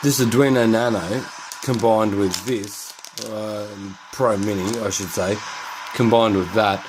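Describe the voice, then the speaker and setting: A man's voice: fairly low pitch, steady tone, a little slow, background noise. A man casually narrating a lockpicking and electronics demo, rambling and swearing as he thinks aloud indoors at home.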